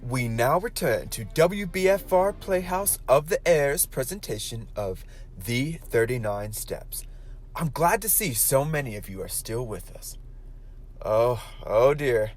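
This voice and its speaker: A man's voice: medium pitch, animated, a little slow, faint music behind, close to an everyday voice. A man doing an old-time radio announcer. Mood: genial. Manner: polished, salesy announcer delivery. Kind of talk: 1940s radio acting.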